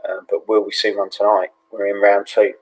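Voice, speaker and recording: A British man hosting a live fight watch-along in a hushed, half-whispered voice, relaxed and full of ums and yeahs. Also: fairly low pitch, moderate pace, poor audio. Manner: relaxed, with many fillers like um and yeah. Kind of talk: low-key live fight commentary.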